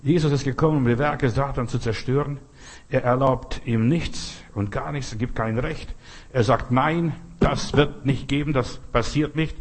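A man with a slightly husky voice delivers a sermon in an emphatic preaching manner. He keeps turning to the listener with direct rhetorical questions and repeats his points forcefully. His pitch sits in an ordinary middle range. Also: moderate pace.

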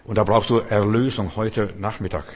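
A man's voice: lowish voice, steady tone, moderate pace, husky. A male preacher delivering an earnest sermon, exhorting the listener and addressing them directly. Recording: long hall reverb.

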